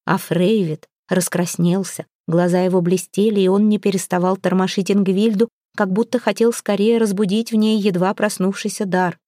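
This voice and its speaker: Woman narrating an audiobook, mellow. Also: medium pitch, steady tone, normal speed, few pauses, no room sound, clean studio sound. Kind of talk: scripted narration.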